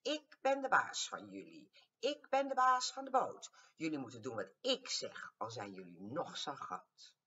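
An older woman voicing a small, bossy grey male mouse with a squeaky voice in a storybook verse. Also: very animated, a little slow, bright, forceful tone, husky, full character voice. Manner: bossy, commanding. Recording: distant, dull lo-fi home recording.

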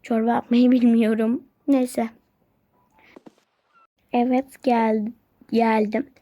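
A woman's voice: fairly high pitch, little pitch movement, takes it slowly, dark tone. A young woman narrating a game role-play vlog in casual chat, rambling and repeating herself, and saying she is sick and coughing. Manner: rambling, repeats herself, chatty asides to viewers. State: says she is sick and coughing, voice sounds bad.

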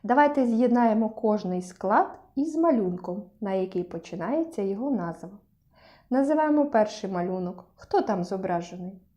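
A woman teaching a speech lesson to young children, sounding out syllables clearly and praising often. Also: medium pitch, animated, normal speed, warm tone.

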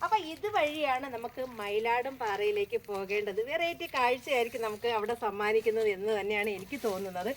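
This Kerala-born travel vlogger has a high voice and a southern Kerala Malayalam accent, and she talks fast with hardly any pauses. Chatting casually as she walks outdoors through a village and a rocky hill, she repeats herself and keeps turning to viewers with small tag questions over light background noise.

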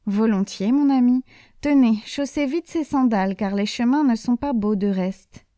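A woman's voice: fairly high pitch, normal speed, mellow, dry recording, studio quality, close to an everyday voice. A woman voicing a kindly old male saint who keeps heaven's gate, genial and reassuring.

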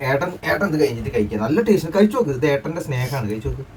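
A man's voice: medium pitch, lively intonation, racing, darkish tone, far from the mic, a little hiss or hum. A middle-aged man playing the joking father in a family comedy skit, scolding and teasing and repeating himself.

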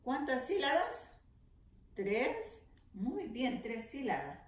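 A woman teacher leading an early reading lesson for young children, slowly sounding out letters and syllables. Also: sits high, big pitch swings. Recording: echoey room.

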